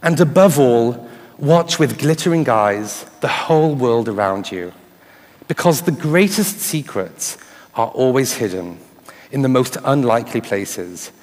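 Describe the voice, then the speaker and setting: A man's voice: mid-range voice, expressive, unhurried, darkish tone. A man giving a live conference talk on stage, often putting questions to his audience. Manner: addresses the audience with rhetorical questions. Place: on stage in a large hall before an audience. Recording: reverberant hall with audience sound.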